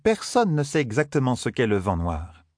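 A man voicing a calm, learned female sorceress, in a measured, explanatory way, for a fantasy audiobook. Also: mid-range voice, no room sound, studio quality, pitched above the performer's own voice. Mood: firm explaining. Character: female Aes Sedai scholar, calm and knowing.

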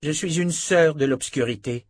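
A man voicing a fierce young woman, a vehement and imperious sorceress of a dark order, in an audiobook. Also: on the high side, moderate pace, dry recording, studio quality, voice pushed up, close to an everyday voice. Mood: curt.

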